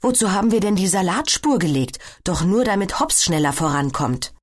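A woman's voice: lowish voice, lively intonation, normal speed, pitched above the performer's own voice. A woman voicing a good-natured, teasing older boy in a children's story. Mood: playful. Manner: playful, teasing.

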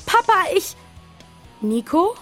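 A woman voicing a teenage farm boy in panic, shouting frantically in an audiobook story. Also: on the high side, lively intonation, unhurried, soft background music. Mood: panicked.

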